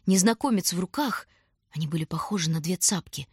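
Husky woman narrating a story. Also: on the low side, fairly quick, no echo, studio quality. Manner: expressive storytelling, voicing every character. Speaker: audiobook narrator. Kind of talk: scripted narration.

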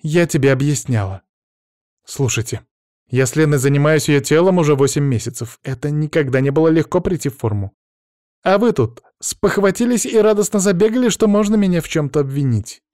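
A man reading an audiobook, voicing an irritable, defensive woman fitness trainer who talks in a sharp, sneering way. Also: medium pitch, sing-song, moderate pace, no echo, studio quality, natural voice. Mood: defensive, irritated. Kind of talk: audiobook character voice.

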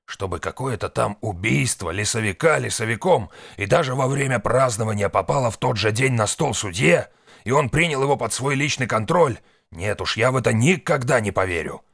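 Weary old fixer, grim and curt, low voice, male narrator. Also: animated, moderate pace, vocal fry, a bit bright, dry recording, studio quality, heavily acted. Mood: angry.

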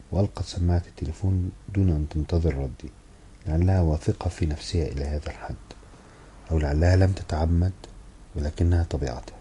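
A man with an Egyptian accent narrates a first-person novel in a measured, storytelling way. His voice sits low and sounds very dark and mellow. A faint background hiss runs under the reading. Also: poor audio. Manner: measured storytelling, wry asides. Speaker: audiobook reader.

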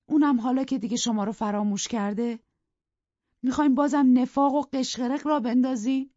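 A man's voice: very high voice, steady tone, a little mellow, no room sound, pitched above the performer's own voice. Earnest middle-aged housekeeper woman, played by a male reader, raised pleading voice, dry recording, muffled sound. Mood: reproachful.

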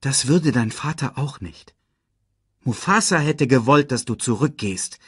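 A man's voice: mid-range voice, animated, unhurried, husky, no room sound, studio quality, pitched above the performer's own voice. A man voicing an earnest, urgent young female lioness in a storybook audiobook. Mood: reproachful. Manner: pleading, insistent.

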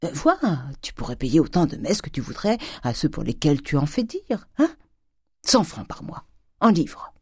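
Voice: huge pitch swings, moderate pace, a little mellow, slightly rough, no room sound, clean studio sound, heavily acted. A reader doing a wheedling old miser father. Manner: wheedling, stammering, with sudden whispers and high jumps.

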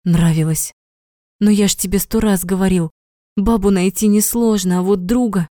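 A gruff, hot-tempered young man from an audiobook, voiced by a woman reader, rough-edged and quick to swear. The voice is mellow and warm, and it sits close and dry. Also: high voice, fairly even intonation, no room sound, lightly acted. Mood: angry.

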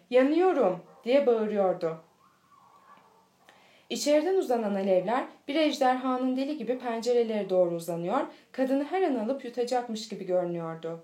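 A woman reading a children's storybook aloud in a steady, clear manner. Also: a little high. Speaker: audiobook reader. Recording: echoey room.

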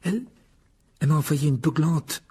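A man's voice: on the high side, moderate pace, a little mellow, husky, voice pushed up. A male audiobook reader voicing a frightened teenage schoolboy who speaks in alarm. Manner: alarmed, urgent. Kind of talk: audiobook reading.

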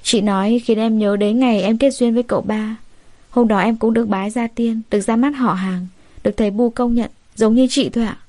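Woman doing a polite but upset young bride, high-ish, soft tone. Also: fairly even intonation, fairly quick, no echo, natural voice. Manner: polite, pleading, indignant.

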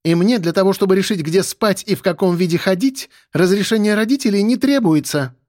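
Heated, protesting young woman, high and indignant, voiced by a man. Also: a little fast, darkish tone, lightly acted. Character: defiant, indignant young woman, just of age.

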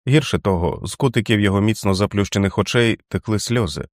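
A man narrating an audiobook in a measured, dramatic reading. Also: on the low side, animated, no echo, studio quality.

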